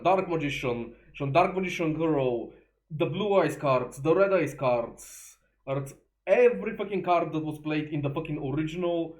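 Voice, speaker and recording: Chatty young man reacting, swearing freely. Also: on the high side. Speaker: reaction video host. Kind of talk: casual reaction commentary.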